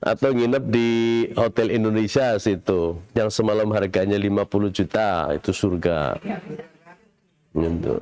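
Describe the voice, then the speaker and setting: A middle-aged man giving a Quran commentary lecture in a large mosque, explaining slowly and quizzing his audience. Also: on the low side, a little mellow. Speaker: mosque preacher.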